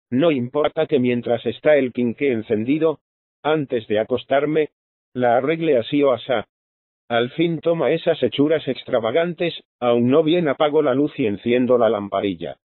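A man reading the part of a fragile, frightened young gentlewoman who talks in an anxious, confiding way, heard through a tinny phone-like sound. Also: mid-range voice, no echo, close to an everyday voice.

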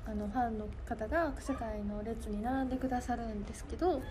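A woman's voice: on the high side, fairly quick. A young woman with a Kansai accent hosting a casual idol livestream, often breaking into laughing fits. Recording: noisy livestream audio.

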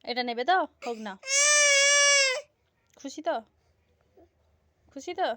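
High sing-song mother coaxing her child. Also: expressive, takes it slowly, slight background noise. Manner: sing-song baby talk, coaxing and soothing. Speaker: family vlogger, mother. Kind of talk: casual family vlog, talking to her small daughter.

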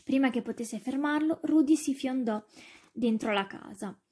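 A woman reading a children's ghost story aloud in a measured, expressive way. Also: high-pitched, slightly rough.

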